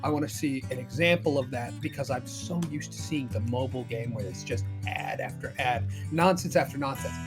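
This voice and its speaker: A man chatting casually as a podcast co-host, rambling and stammering, with a dry throat he keeps clearing. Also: medium pitch, brisk, hardly any pauses. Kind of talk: casual chat. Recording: faint intro music looping behind.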